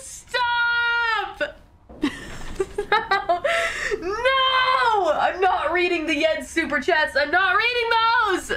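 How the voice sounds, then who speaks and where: A woman's voice: extremely high pitch, extremely slow, pushed and bright, slight background noise. A brash, sweary woman giving casual commentary while streaming a game. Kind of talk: casual gameplay livestream commentary.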